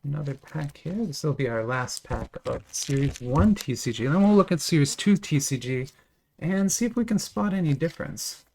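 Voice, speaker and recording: This man talks casually while opening trading card packs, his voice fairly high, animated, creaky and darkish at a moderate pace. His unboxing commentary is enthusiastic and chatty, full of fillers and little laughs.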